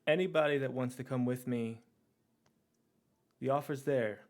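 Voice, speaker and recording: A man's voice: mid-range voice, moderate pace, close to an everyday voice. A man playing a wry, confident gang boss. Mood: self-assured. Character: confident male gang leader addressing his crew. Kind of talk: tabletop role-play in character.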